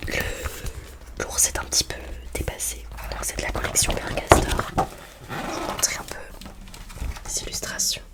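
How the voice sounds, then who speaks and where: Whispering woman, soft library-style ASMR. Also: moderate pace. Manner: casual, hesitant, chatty. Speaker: ASMR host presenting children's books.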